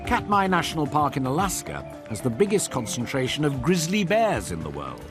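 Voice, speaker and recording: Dramatic nature documentary man, very lively pitch. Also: a little fast. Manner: dramatic storytelling. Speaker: narrator. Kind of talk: scripted nature documentary narration. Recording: loud music bed under voice. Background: music.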